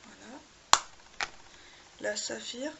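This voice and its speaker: A woman's voice: fairly high pitch, very slow, gravelly, heavy background noise. A woman showing her makeup palettes to the camera in a casual video, chatty and full of hesitations. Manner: chatty, many hesitations and fillers. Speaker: beauty vlogger.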